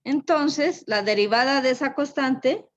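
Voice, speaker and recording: Unhurried woman teaching math, slightly high voice. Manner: unhurried, thinks aloud, checks in with frequent tag questions. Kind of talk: explaining a math lesson. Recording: dull lo-fi recording.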